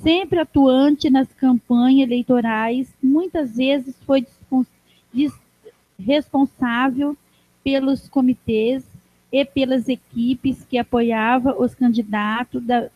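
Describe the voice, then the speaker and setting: A woman's voice: steady tone, no echo. A woman with a Brazilian Portuguese accent reads a formal tribute aloud in a council chamber, stumbling and restarting words as she goes. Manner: halting, restarts words while reading. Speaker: council member giving a tribute. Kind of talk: slow formal reading of a tribute. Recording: dry, dull low-fi sound.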